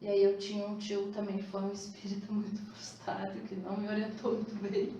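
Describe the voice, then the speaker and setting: A woman's voice: mid-range voice, completely flat delivery, fairly quick, dark tone. Woman, 30s, hesitant testimony; distant mic, very echoey room, faint hiss. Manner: hesitant, rambling, many fillers. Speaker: class participant sharing a testimony. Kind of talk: personal testimony.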